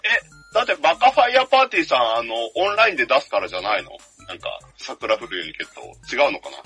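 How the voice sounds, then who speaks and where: A man's voice: mid-range voice, very animated, quick pace, vocal fry, sharp tone, slightly rough. A man in a casual podcast chat over a video call, telling stories eagerly with jokey asides. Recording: video call with music behind.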